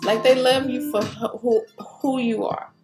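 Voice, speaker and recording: A woman's voice: fairly high pitch, steady tone, measured pace. A woman giving a casual tarot reading straight to the viewer, rambling, laughing and swearing as she goes. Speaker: tarot reader. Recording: roomy echo with clear music behind.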